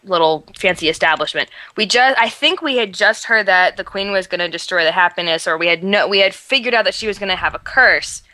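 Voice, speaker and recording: A woman's voice: medium pitch, pushed and bright, no echo. A woman co-hosting a casual podcast recap, talking in long rambling runs full of "like". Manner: rambling, heavy use of "like". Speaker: podcast co-host. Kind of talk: casual chat recapping a TV episode.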